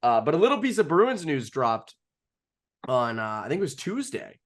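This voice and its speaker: A man's voice: a little high, sing-song, normal speed. A man co-hosting a casual sports podcast, tossing out dry jokes between lots of "uh" and restarts. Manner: wry, full of fillers and restarts, dry jokes. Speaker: podcast co-host.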